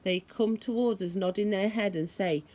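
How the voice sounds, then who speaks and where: Here a woman narrates a children's tale in a mid-range voice, unhurried and careful, vividly imitating each sound the story mentions.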